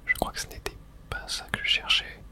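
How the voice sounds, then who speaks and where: A gaming video host whispers a breathy, unvoiced ASMR running commentary while playing, the soft, hesitant murmur moving fairly quickly.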